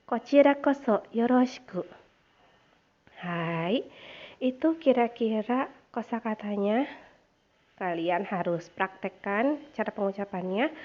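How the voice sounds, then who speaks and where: A woman teaching Japanese vocabulary, saying each word twice slowly and clearly for students to repeat, then explaining it in plain chat. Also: mid-range voice. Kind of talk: vocabulary drill lesson. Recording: dull lo-fi recording.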